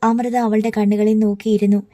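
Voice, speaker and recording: A woman narrating a scripted story in a steady, even reading. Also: mid-range voice, brisk.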